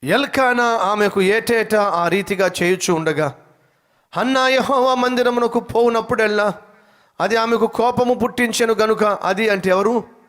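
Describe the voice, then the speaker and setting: A man's voice: high-pitched, normal speed, fairly bright tone. A middle-aged male pastor preaching a sermon, asking the congregation questions and acting out short dialogues. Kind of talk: Telugu sermon.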